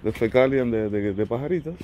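A man's voice: mid-range voice, fairly quick, mellow, highs cut off, slight background noise. A middle-aged man vlogging casually while he walks city streets, chatting to his viewers as family. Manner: chatty, addresses viewers as family, mixes in English and German. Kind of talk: casual walking vlog. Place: outdoors on city streets, then a shop. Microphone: phone held at arm's length.

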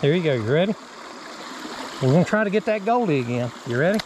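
Middle-aged man, outdoor fishing host, high voice, encouraging coach, faint water behind. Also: animated, fast, background noise. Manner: encouraging, gives short repeated instructions. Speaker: fishing bait company host. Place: outdoors by a creek. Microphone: body-worn action camera. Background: running stream water.

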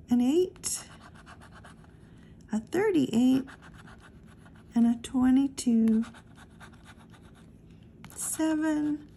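Seated at a table scratching lottery tickets, a woman casually and slowly reads out the numbers one at a time. Her voice is high and warm, with a bit of hiss or hum in the recording.

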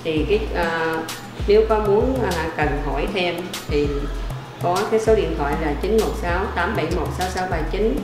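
A teacher with a low voice, explaining things slowly and steadily. Her voice echoes in the room and music plays clearly behind her.

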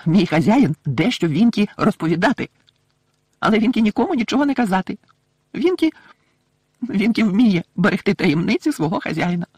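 A man voicing a weepy, loyal female house-elf who talks in a shrill voice with broken grammar in an audiobook. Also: sing-song, fairly quick, a little mellow, slightly rough, no room sound, full character voice. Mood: shrill upset.

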